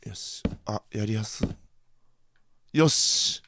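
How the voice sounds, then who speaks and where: A young man with a Kansai accent commentating his own game play, bursting into loud reactions and then muttering quietly. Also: extremely slow, creaky. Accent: Kansai Japanese. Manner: excitable, reacts loudly to surprises, then mutters low. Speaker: gaming channel host.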